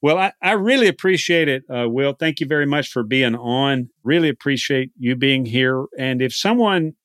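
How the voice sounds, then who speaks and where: A man with a Texan accent hosting a podcast, chatting casually and circling back with frequent restarts. His pitch sits mid-range. The recording is dry and close. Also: lively intonation, normal speed, fairly bright tone, dry recording. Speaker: podcast host. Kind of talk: casual interview chat.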